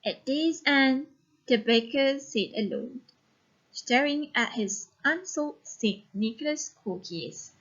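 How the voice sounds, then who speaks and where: A woman teacher reading a story aloud and giving instruction in a deliberate, instructive manner. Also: high-pitched, expressive, fairly bright tone, highs cut off.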